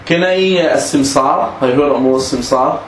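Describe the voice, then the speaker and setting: A man teaches a class on Islamic legal maxims, stopping often to put questions to his students and act out small example exchanges. His voice carries in an echoey room. A faint hum of background noise sits behind him. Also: mid-range voice. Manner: asks the class questions and acts out example dialogues.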